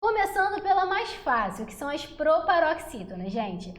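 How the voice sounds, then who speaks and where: A young woman with a bright, high voice gives an energetic, chatty online grammar lesson. She talks to her viewers like friends. Her voice rings a little in an echoey room. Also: moderate pace. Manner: chatty, energetic, calls viewers "meu amor" and "galerinha". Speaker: Portuguese teacher.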